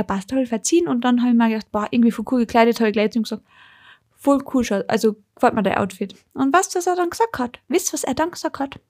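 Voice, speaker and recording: A chatty woman with an Austrian accent talks through her solo podcast in a relaxed, informal way. Her voice sits a little high, and she slips into her own quoted thoughts as she tells her stories. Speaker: podcast host. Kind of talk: casual solo podcast chat.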